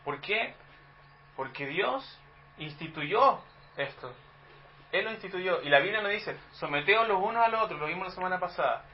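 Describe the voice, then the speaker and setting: A man's voice: high-pitched, lively intonation, normal speed, muffled recording, slight background noise. A Chilean man preaching a sermon in a conversational teaching manner, asking the congregation rhetorical questions. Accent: Chilean Spanish. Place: church hall.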